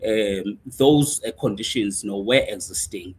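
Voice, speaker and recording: Man from South Africa, husky voice, hesitant, filler-heavy, guest on a video call. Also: fairly low pitch, a little slow. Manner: hesitant, many fillers, thoughtful. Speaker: guest executive coach. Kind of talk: casual interview.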